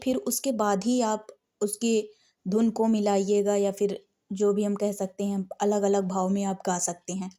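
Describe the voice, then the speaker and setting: A woman teaching scripture recitation, patiently breaking verses into slow, word-by-word chanting. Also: mid-range voice, dark tone.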